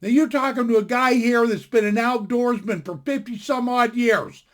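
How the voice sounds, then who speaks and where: Speaking into a desktop computer mic at home, a vlogger in his sixties with a fairly high-pitched voice delivers a casual opinion rant to camera. His manner is blunt, folksy and opinionated, and he rambles and restarts sentences at a moderate pace.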